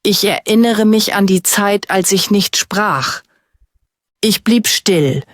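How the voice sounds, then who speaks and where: A woman narrating a simple first-person story for beginners, in slow, clear, short sentences. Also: medium pitch, dry recording, studio quality. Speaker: language teacher narrating a story.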